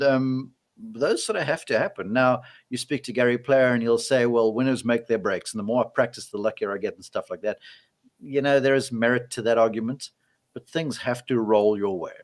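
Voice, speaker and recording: Man retelling a golf finish. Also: mid-range voice. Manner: storytelling, acts out quoted exchanges. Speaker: on-course golf reporter. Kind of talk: casual podcast chat.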